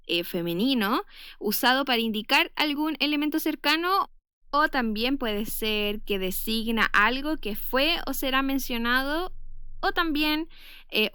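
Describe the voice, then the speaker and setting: A woman's voice: on the high side, pushed and bright, clear, resonant tone, dry recording, studio quality. A woman teacher with a Chilean Spanish accent giving a recorded spelling lesson, explaining step by step with frequent "eh" fillers and stressed example words.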